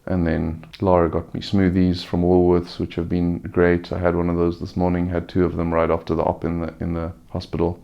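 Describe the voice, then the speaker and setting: A man giving a casual, unscripted personal update, sounding subdued and halting, weary and sore-throated after surgery, with a gravelly voice. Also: sits low, monotone, warm tone, dull audio. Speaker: vlogger giving a recovery update.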